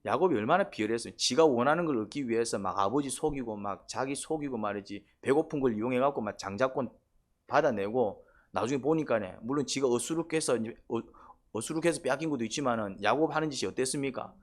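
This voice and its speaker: A man's voice: medium pitch, animated, fast talker. A male pastor preaching a sermon in a conversational way, asking questions and answering them himself, and sometimes acting out quoted voices.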